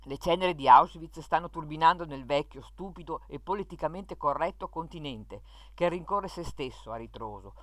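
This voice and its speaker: Scripted opinion reading, indignant and sarcastic, animated pitch, dry close sound. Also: dry recording. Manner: indignant, sarcastic rhetorical questions. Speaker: reader of an opinion column.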